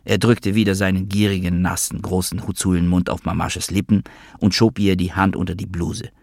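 A man's voice: low-pitched, level tone, fairly quick, gravelly, a little mellow, no echo. A man narrating a literary audiobook in a dry, ironic storytelling manner.

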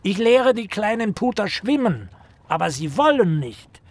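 A man's voice: a little high, very animated, a little slow, breathy edge, exaggerated voice. An actor playing a pompous writer who tells stories of his boyhood in an ornate, theatrical way. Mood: storytelling. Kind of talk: radio play acting.

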